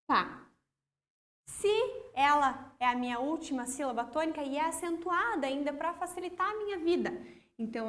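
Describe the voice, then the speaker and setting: High-voiced Brazilian woman teacher. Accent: Brazilian Portuguese. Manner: slow, patient, emphatic syllable-by-syllable explanation. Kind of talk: recorded school lesson.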